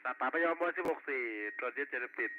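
Over a tinny, narrowband walkie-talkie with faint noise, a police radio dispatcher reads back reports in a clipped, formulaic roll-call manner. He talks fast in a medium-pitched voice, processed with a two-way radio effect.

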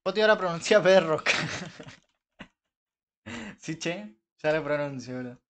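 Man, young adult, Argentine Rioplatense accent, casual gaming stream banter, fairly high-pitched, swears, frustrated outbursts. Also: lively intonation, a little slow. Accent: Argentine Rioplatense Spanish. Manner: banters with chat, swears, bursts into frustrated shouts. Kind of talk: casual live-stream chat while gaming.

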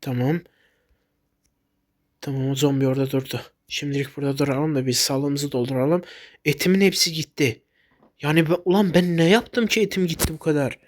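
A man giving casual gameplay commentary while sick, excitable and quick to blurt out short exclamations. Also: a little high. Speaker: gaming YouTuber.

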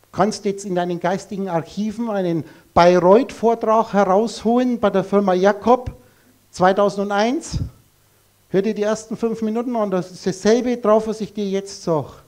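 A man's voice: sits high, fairly even intonation, normal speed, darkish tone. A man giving a live lecture to an audience in a blunt, emphatic way, full of rhetorical questions.

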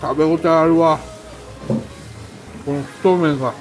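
A man's voice: a little high, fairly even intonation, unhurried, faint music behind. A man with a Kansai accent making casual, jokey, chuckling conversation while eating as a food video co-host.

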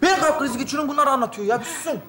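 A man acting in a stage comedy sketch as an exasperated father who shouts his complaints. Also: extremely high pitch, very fast, a little hiss or hum.

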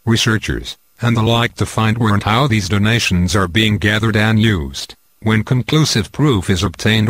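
A disguised deep male voice delivers a scripted declaration in a flat, impersonal, measured way. It sits low, and the recording is bone dry with no trace of a room. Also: no echo. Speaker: anonymous spokesman.

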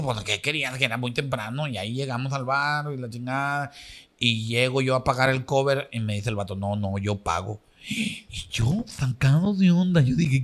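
A man with a Mexican accent telling a long joke on stage, full of slang, acting out the dialogue with sudden high squeaky bursts.

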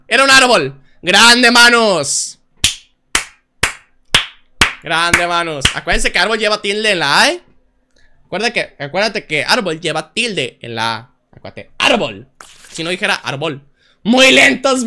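A young man, hosting a drawing game on stream in a playful, teasing way, shouting out the answers. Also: high voice, very animated, normal speed, gravelly, slight background noise. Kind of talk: casual game-stream chat.

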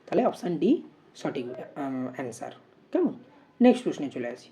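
Woman teacher, warm and mellow tone, methodical explainer who asks rhetorical questions before each answer. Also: sits low, very animated, normal speed. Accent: Bengali. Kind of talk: exam-prep lesson.

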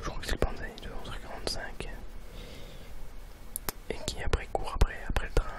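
An ASMR presenter whispering close to the microphone, right in the listener's ear, in a hesitant, halting way that often repeats words. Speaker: ASMR video maker and presenter. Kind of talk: whispered ASMR video talk.

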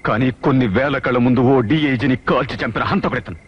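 A man playing an unbending police officer who talks sternly and quickly and cuts others short. His voice sits at a middle pitch on a slightly dull old film soundtrack. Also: husky, natural voice. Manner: stern, curt. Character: stern police officer, duty over family. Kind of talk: 1980s film dialogue.

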